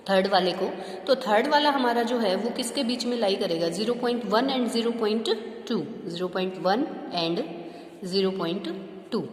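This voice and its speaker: A woman's voice: mid-range voice, roomy sound, long reverb tail. A woman maths teacher explaining step by step to young students, patient and asking them questions as she goes. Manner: checks understanding with rhetorical questions. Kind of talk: classroom lesson explaining to students.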